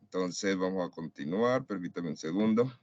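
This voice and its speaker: A man's voice: low voice, lively intonation, moderate pace, darkish tone. A man teaching a web conference class, explaining to his students and addressing them directly. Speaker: lecturer. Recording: dry, dull lo-fi call audio.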